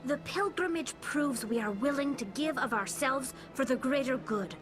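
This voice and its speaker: A woman's voice: sits high, moderate pace, over music, lightly acted. A woman voicing an earnest, resolute young alien pilgrim in a video game. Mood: determined.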